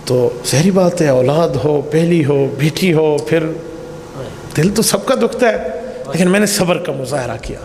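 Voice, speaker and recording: A man's voice: fairly high pitch, a little mellow. A man giving a sermon as a mufti, telling stories emphatically and acting out dialogue. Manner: emphatic storytelling, acts out dialogue. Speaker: mufti, preacher. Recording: echoey hall with faint background noise.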